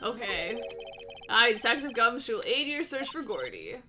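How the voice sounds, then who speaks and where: A woman reading the lines of a gruff, loyal male police detective aloud while playing a game, with a folksy habit of calling everyone pal. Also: on the high side, very animated, normal speed, over music.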